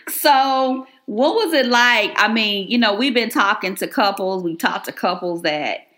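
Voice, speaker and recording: A woman's voice: medium pitch, animated, unhurried. A woman hosting a podcast, interviewing a couple in an encouraging way. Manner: encouraging, warm questioner. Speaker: podcast host.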